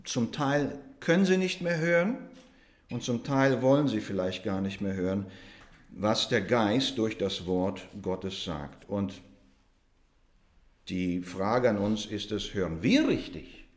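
A man preaching a sermon to a congregation, telling a story with animated delivery and addressing them directly. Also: lowish voice, slow, reverberant.

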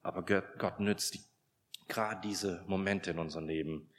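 Man, low voice, sermon, storytelling, hesitant restarts, long hall reverb. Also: steady tone, normal speed. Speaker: preacher.

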